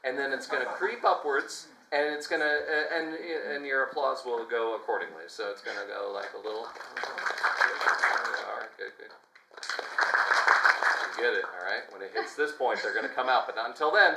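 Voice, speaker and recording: A man hosting a live improv comedy show on stage, playful and given to loud shouted announcements. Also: mid-range voice, moderate pace, creaky. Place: theater stage with audience. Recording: roomy theater sound with noise.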